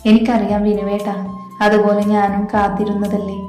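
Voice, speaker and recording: A woman's voice: medium pitch, completely flat delivery, moderate pace, lightly acted. A woman voicing a shy young bride who hesitantly asks her husband for more time. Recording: roomy echo with soft music.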